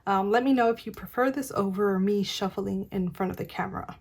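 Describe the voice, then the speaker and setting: A woman's voice: medium pitch, a little fast, darkish tone. A woman giving a casual, encouraging tarot reading to camera, chatty with many fillers. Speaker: tarot reader.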